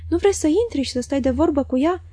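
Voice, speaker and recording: A woman's voice: high-pitched, expressive, mellow, no echo, studio quality, voice pushed up. A woman voicing a talkative elderly shopkeeper who is short of breath, speaking in a rambling, fatherly way. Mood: coaxing.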